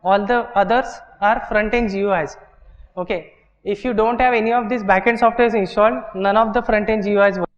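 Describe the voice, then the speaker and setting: Speaking in a high, steady voice at a fairly quick pace, a man with an Indian English accent runs a workshop class in a lecture hall. He works through the material step by step, often pausing on "okay" and "right". The hall recording sounds dull and echoey.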